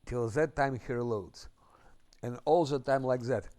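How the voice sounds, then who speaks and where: Slow-talking male streamer chatting casually. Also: mid-range voice, a little mellow. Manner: unhurried, thinking aloud, chuckles often. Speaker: game streamer. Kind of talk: casual live-stream chat while playing.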